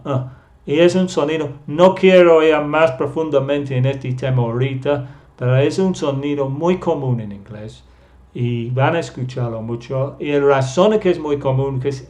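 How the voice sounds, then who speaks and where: A man's voice: mid-range voice, a little mellow. A man teaching a beginner language lesson, patiently explaining step by step and drilling each vowel sound by repeating it many times. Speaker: English teacher.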